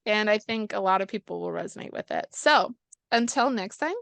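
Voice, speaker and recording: A woman hosting a podcast, talking in a heartfelt, expressive way about personal growth. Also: medium pitch, a little fast, vocal fry, no echo. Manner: heartfelt, expressive, animated in retold quotes. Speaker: podcast host. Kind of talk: casual podcast chat.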